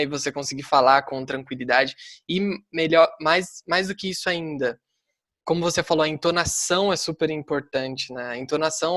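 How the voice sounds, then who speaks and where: A Brazilian man with a fairly high voice talks in a quick, chatty way, full of casual fillers. His voice sounds dry and close, with no room echo. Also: fairly bright tone. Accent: Brazilian Portuguese. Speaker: guest, language teacher. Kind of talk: casual debate.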